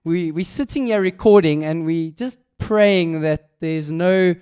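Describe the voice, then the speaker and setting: A man with a South African accent and a croaky, rough voice, hosting a casual chat show. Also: a little high, unhurried, darkish tone. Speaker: radio show host.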